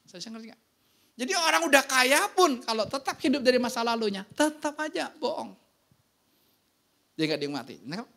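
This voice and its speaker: A pastor preaching a casual, lively sermon, telling stories and often checking in with the congregation. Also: male voice, very high voice, brisk, creaky, long pauses. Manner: casual, slangy preaching with anecdotes.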